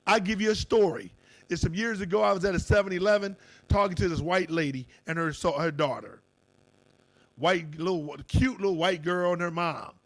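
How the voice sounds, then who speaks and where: A man co-hosting a radio talk show, telling a personal story in an animated, indignant way and acting out the quotes. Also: sits high, moderate pace, dry recording.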